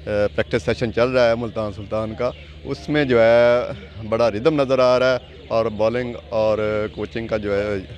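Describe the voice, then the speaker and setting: A middle-aged man giving cricket analysis in a measured way, heavy with filler phrases, into a handheld mic outdoors at a stadium. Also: lowish voice, darkish tone. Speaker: cricket expert. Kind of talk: field interview.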